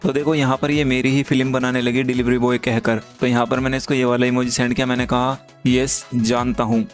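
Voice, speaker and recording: A man hosting his channel, walking through a screen-recorded chat and reading the messages aloud in a steady, even way. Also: mid-range voice, brisk. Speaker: channel host. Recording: faint background music.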